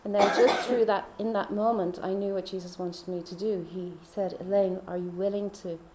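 A woman telling a personal faith story in a chatty way, laughing often and dropping into soft whispers. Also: medium pitch, fairly even intonation, normal speed, echoey room, a little hiss or hum. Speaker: speaker.

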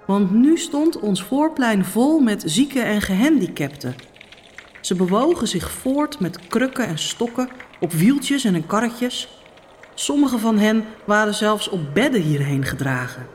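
A woman's voice: mid-range voice, sing-song, measured pace, slight background noise. A woman playing a troubled Roman noblewoman who tells of her dreams in a solemn, urgent first-person monologue. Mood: haunted. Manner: solemn, urgent, hushed storytelling. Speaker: Pilate's wife.

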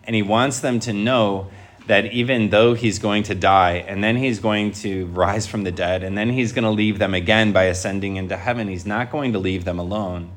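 Low-voiced male priest addressing a congregation. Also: fairly even intonation, normal speed. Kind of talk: Gospel reading and homily to a congregation. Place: church, speaking before a congregation.

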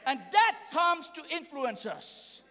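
Taking his time, a young non-native English-speaking preacher delivers a fiery sermon, his very high, bright voice forceful and sing-song. He leads call-and-response chants and frequently shouts, and the large church hall adds long reverb along with a little hiss or hum.

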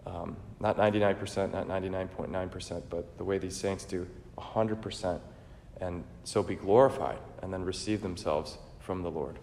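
Low-voiced priest in cathedral echo. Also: male voice, steady tone, vocal fry, a little mellow. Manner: solemn, measured recitation. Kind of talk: liturgical prayer and preaching. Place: large reverberant church indoors. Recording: cathedral-like echo, long reverb, low rumble.

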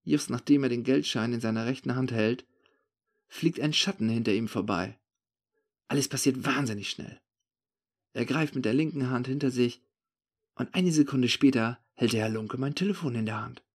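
Male first-person narrator, wry and conversational, mid-pitched. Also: moderate pace.

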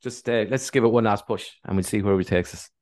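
A man's voice: fairly low pitch, fast, noisy background. An Irish man co-hosting a podcast in casual, rambling, self-deprecating chat. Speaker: podcast co-host.

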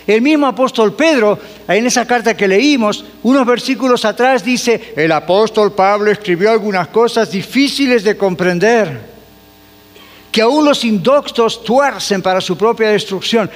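A male pastor delivers a sermon in a high-pitched voice, putting rhetorical questions to the congregation and answering them himself. He slips English phrases into his preaching. The sound carries a long reverb from a church sanctuary. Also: moderate pace.

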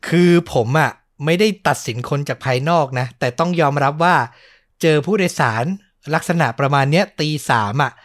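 A man with a slightly higher-than-usual voice hosts a storytelling podcast. He retells a spooky tale in a loose, conversational way, padding his sentences with casual fillers. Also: animated, moderate pace, a bit bright. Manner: chatty retelling with many fillers.

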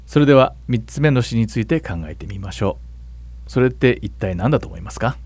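A man serving as pastor, calmly explaining scripture in a Bible question-and-answer talk. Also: medium pitch, brisk, breathy edge, no room sound. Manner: calm, explanatory, asks partner to read verses. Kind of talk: Bible Q&A teaching.

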